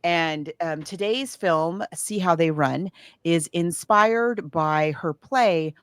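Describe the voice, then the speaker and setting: Speaking slowly in a lowish, clear and resonant voice, a woman co-hosts a podcast about books and films. Her casual talk meanders as she thinks aloud, and the recording is dry and studio quality.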